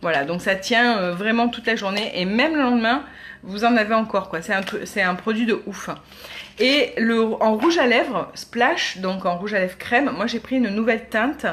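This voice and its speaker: A woman's voice: fairly high pitch, normal speed, fairly bright tone, slight background noise. A woman, chatting casually as a beauty vlogger demonstrating makeup, with many hesitations. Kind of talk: casual product demo.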